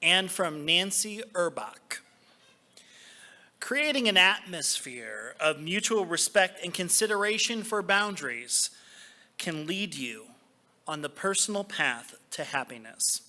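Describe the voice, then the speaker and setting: With a high, very animated voice that is bright and forceful, a man leads prayer and devotional readings as a spiritual practitioner. He is in a church sanctuary and speaks in deliberate, measured phrases with pauses.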